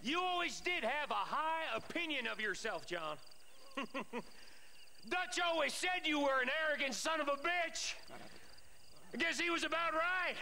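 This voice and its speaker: Western game villain: sneering American gang leader, slow and gravelly, threatening, faint noise behind. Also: male voice, very high voice, animated, sharp tone, heavily acted.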